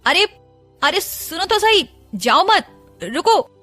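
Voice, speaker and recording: A woman voicing a cheerful young male bookseller boy in an audio story, eager and pleading as he makes his sales pitch. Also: big pitch swings, moderate pace, pushed and bright, faint music behind, heavily acted.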